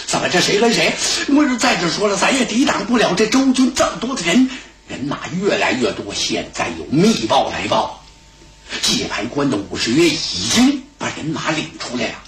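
A man's voice: fairly high pitch, wildly swooping pitch, brisk, background noise. A storyteller voicing an anxious older officer urgently coaxing a young man to stay, in a roomy radio studio recording. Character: anxious older male officer, urging a youth.

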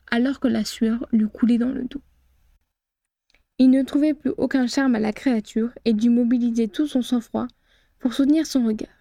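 A woman reading a fan fiction audiobook, narrating in an even, measured way. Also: on the high side, dry recording, studio quality. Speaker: audiobook reader.

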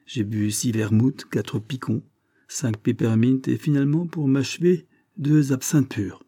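A man's voice: medium pitch, measured pace, mellow, slightly rough. A man voicing Toto Fouinard, a cool, ironic amateur detective who answers dryly, in a read-aloud novel.

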